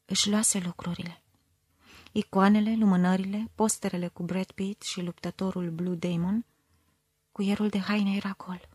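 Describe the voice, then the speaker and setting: Female audiobook narrator, first person, expressive and measured; mid-pitched, dry studio sound. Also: breathy edge, dry recording. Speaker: audiobook reader.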